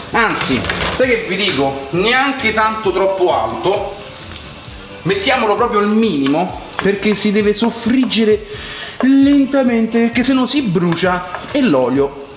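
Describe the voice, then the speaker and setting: Casting: young male cooking vlogger, Roman Italian accent, higher-pitched voice, chatty and colloquial, echoey kitchen. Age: young adult. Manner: colloquial, chatty, addressing viewers directly. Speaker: cooking vlog host. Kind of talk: casual cooking demonstration to viewers. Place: home kitchen, indoors. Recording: echoey room sound.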